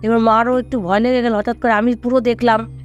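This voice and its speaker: A man's voice: very high voice, level tone, a little fast, highs cut off, slight background noise. A man telling a ghost story in casual conversation, rambling and repeating himself with many fillers.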